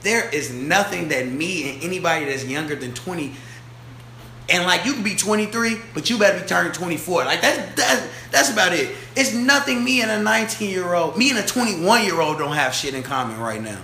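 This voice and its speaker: Animated young man, bright echoey voice. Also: high voice, brisk, vocal fry. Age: 20s. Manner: animated, profane, slangy storytelling. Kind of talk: casual podcast chat. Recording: echoey room with faint ambient noise.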